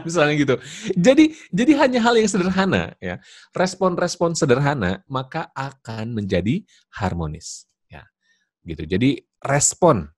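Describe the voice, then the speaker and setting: A man talks an online seminar crowd through his points, his pitch leaping up and down as he jokes with them. His voice sits low and a little husky. It comes in dry over a video call. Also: no echo. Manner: lively, jokey, addresses audience directly. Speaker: motivational speaker.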